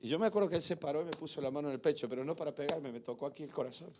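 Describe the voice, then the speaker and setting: An older man, a pastor, preaching a sermon in a church through animated storytelling that swells to loud emphasis. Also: on the high side, rapid-fire, background noise.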